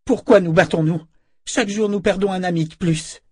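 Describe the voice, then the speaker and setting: A man's voice: medium pitch, animated, moderate pace, darkish tone, breathy edge, dry recording, clean studio sound, voice pushed up. A man voicing a grieving yet commanding woman leader in a novel. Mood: anguished. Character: grieving woman, powerful ruler.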